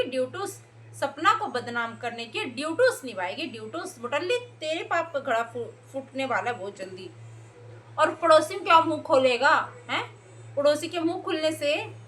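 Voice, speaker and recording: A woman's voice: high voice, fairly bright tone. A young woman ranting in a heated reaction video, scolding and sarcastic, mocking the people she criticizes. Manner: scolding, sarcastic, mocks others by mimicking them. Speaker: YouTube reaction commentator.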